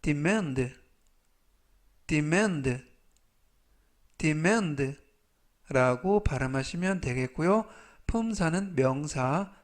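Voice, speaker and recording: A man teaching a basic English vocabulary lesson, repeating each word and spelling some out letter by letter. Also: on the high side. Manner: spells words out and repeats pronunciations.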